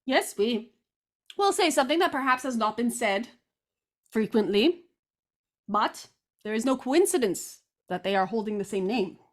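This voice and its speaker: A woman channeling guidance like a seance medium, with formal, deliberate, stilted phrasing. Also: fairly high pitch, lively intonation. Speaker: trance channeler giving guidance.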